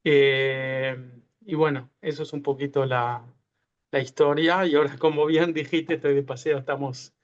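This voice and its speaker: A man's voice: medium pitch, steady tone, normal speed, clean tone. A man from Uruguay, a tech entrepreneur guest speaking hesitantly with many fillers and restarts in an online interview. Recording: muffled lo-fi video call audio.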